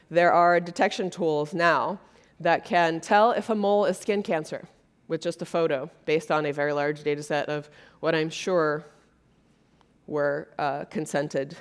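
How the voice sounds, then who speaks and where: A woman's voice: deep voice, smooth. A woman from Brazil giving a conference keynote on stage, talking earnestly and conversationally with frequent fillers. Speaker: keynote speaker. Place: conference stage before an audience.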